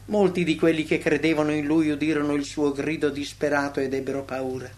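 A man reading a devotional text aloud as a narrator, solemn, with dramatic swells and hushed drops. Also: fairly high pitch, level tone, fairly quick.

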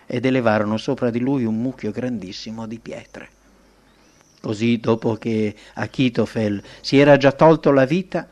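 A man narrating a religious history audiobook in an even, measured reading. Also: mid-range voice. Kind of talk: scripted narration.

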